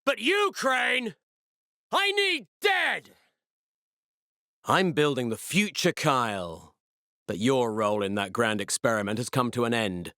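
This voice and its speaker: Pompous, theatrical villain, sweeping intonation. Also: male voice, mid-range voice, sing-song, takes it slowly, pauses often, sharp tone, no echo, studio quality, heavily acted. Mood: enraged, commanding, then gloating, grandiose. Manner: theatrical, pompous, menacing, precise. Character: the Baron, arrogant male mad-scientist villain, cold and gloating. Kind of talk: video game villain dialogue.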